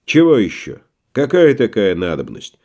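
A man's voice: on the low side, huge pitch swings, moderate pace, darkish tone, heavily acted. A man voicing a wily, stubborn merchant who talks in a folksy, obsequious way, in an audiobook play reading. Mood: wheedling stubborn. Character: wily, stubborn middle-aged male merchant.

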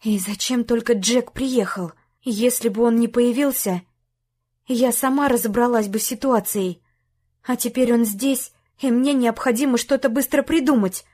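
A woman reading a first-person audiobook in a tense, measured storytelling manner. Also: on the high side, warm tone. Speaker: audiobook narrator.

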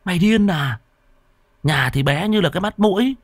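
A man voicing a blunt, hot-tempered young village man, scolding gruffly. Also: high voice, lively intonation, moderate pace, no echo, studio quality, pitched above the performer's own voice.

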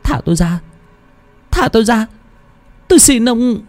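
A man voicing a terrified young village woman who pleads and sobs in a shrill falsetto. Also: expressive, unhurried, a little mellow. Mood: desperate pleading.

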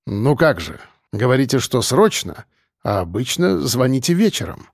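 A man's voice: fairly high pitch, animated, moderate pace, a little mellow, dry recording, clean studio sound. A man reading an audiobook, voicing a nervous, irritable aging professor who talks hesitantly and defensively.

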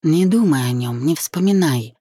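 A woman reading the part of a young husband and boss who is teasing, commanding and tender by turns, in a low, mellow voice. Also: expressive, normal speed, breathy edge, dry recording, studio quality. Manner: playful, bossy, tender. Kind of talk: audiobook reading.

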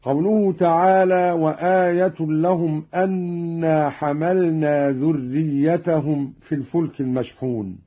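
A man teaching Quran recitation variants, explaining each reading in a slow, measured way and then chanting the verse. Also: a little high, steady tone, slightly rough. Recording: dull lo-fi audio.

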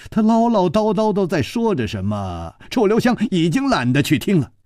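A man telling a traditional story with a Beijing accent and dramatic, lively intonation. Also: high voice, moderate pace, no echo, clean studio sound.

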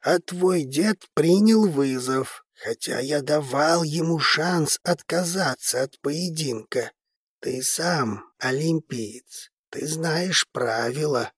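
A man voicing a calm, commanding old grandfather in an audiobook, speaking in a measured, soothing way. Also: a little high, husky, no echo, studio quality. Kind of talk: audiobook character reading.

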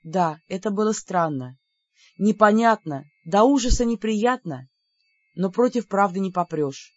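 An audiobook narrator reading a fantasy novel in an even, measured storytelling manner. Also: medium pitch, no room sound, dull audio.

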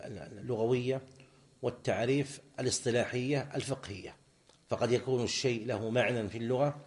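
A man's voice: mid-range voice, a little mellow. A man teaching a classical legal text, explaining term by term and repeating key phrases as he goes. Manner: explains slowly, repeats phrases, demonstrates recitation. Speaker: sheikh teaching a fiqh book.

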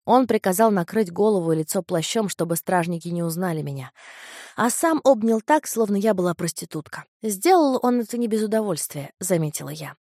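A woman reading a first-person novel aloud in a measured, intimate storytelling manner. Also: medium pitch, lively intonation, mellow, no room sound, studio quality. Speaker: audiobook reader.

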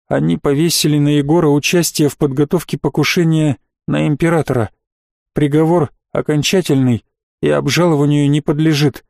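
A man voicing a distraught middle-aged male lawyer who keeps breaking into angry shouts. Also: on the high side, fairly even intonation, brisk, vocal fry, dry recording, clean studio sound. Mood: somber.

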